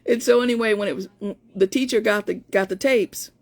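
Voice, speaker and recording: Fifty-ish woman coach chatting on a live stream, gravelly in-between voice, lots of restarts. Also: medium pitch, a little fast. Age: 50s. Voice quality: voice between feminine and masculine. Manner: storytelling, chatty, many restarts. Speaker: life coach. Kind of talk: casual live-stream talk to viewers.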